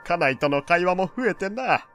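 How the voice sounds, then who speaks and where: In a Japanese audio drama, an actor plays a wealthy old father who is proud and doting, speaking in pompous, old-fashioned language with a fond, proud mood. His voice is high-pitched and fairly bright, with lively intonation at a moderate pace, and faint music plays behind him.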